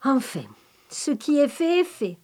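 A woman voicing an exasperated, practical grown man who sounds gruff and resigned. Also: sits high, sing-song, a little slow, dark tone, pitched above the performer's own voice. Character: exasperated practical male cousin, a craftsman.

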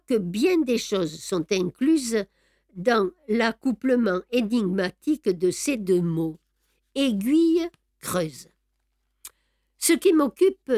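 A woman reading the lines of a young male amateur detective who reasons aloud in a measured way. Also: medium pitch, darkish tone, no room sound, clean studio sound.

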